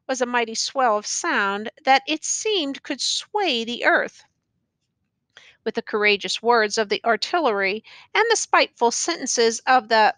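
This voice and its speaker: A woman narrating a classic war novel as an audiobook, reading slowly and deliberately. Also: fairly high pitch, a bit bright, no room sound.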